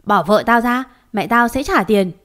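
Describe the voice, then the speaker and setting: A woman's voice: fairly high pitch, normal speed, fairly bright tone, lightly acted. A woman reading an audio story, voicing a weak young husband who pleads and defends himself. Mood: pleading.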